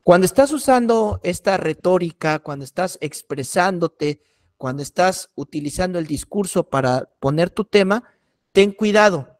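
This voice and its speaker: A man's voice: sits high, animated, moderate pace. A middle-aged man, a pastor giving a preaching workshop and repeating key warnings earnestly.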